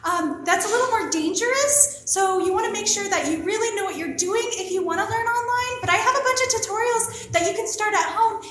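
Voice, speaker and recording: A woman pole dance teacher chatting casually on a live stream, reading comments in a high, upbeat put-on voice. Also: fairly bright tone. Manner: high put-on upbeat voice kept deliberately positive. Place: indoor pole dance studio. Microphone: phone camera. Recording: echoey room.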